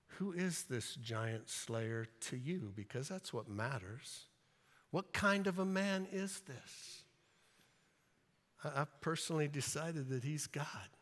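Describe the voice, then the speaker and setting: A man preaching from a church platform, his voice bright and ringing with a slightly raised pitch. He speaks slowly and deliberately, leaning into emphatic lines and acting out scenes in playful asides. The sound carries a long reverb from the sanctuary. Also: animated. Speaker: pastor. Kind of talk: sermon.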